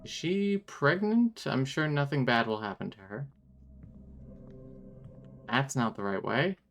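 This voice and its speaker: A man's voice: mid-range voice, unhurried, vocal fry, a bit bright. A man streaming a game live and commenting with sarcastic jokes and frequent laughter. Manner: joking, sarcastic asides; laughs often while talking.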